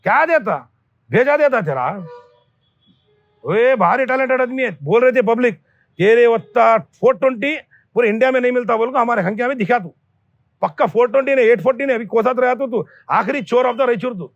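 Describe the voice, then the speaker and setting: High-voiced man issuing a blunt warning. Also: animated, fairly quick, no echo, lo-fi sound. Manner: scolding, blunt, repeats threats. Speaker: local activist addressing a company owner. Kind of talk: angry public warning statement.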